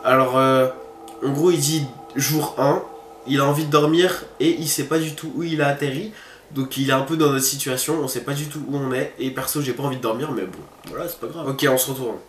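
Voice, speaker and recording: In a brisk, mid-range voice with fairly even intonation, a man offers relaxed let's-play commentary on a horror game. He talks to viewers informally while thinking aloud, and the recording has roomy echo and faint background noise.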